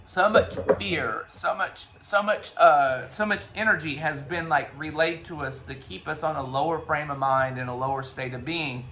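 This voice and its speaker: A man talks casually about spirituality as a reader, in a high voice. His tone is bright and sharp. He rambles and restarts often, dropping in the odd swear word. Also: moderate pace, hardly any pauses, slight background noise.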